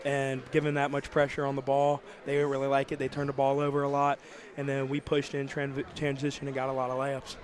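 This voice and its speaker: A young male athlete answers interview questions in a steady, flat, laid-back way. His tone barely rises or falls as he talks about the game. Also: mid-range voice, fairly quick, few pauses. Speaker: senior high school basketball player.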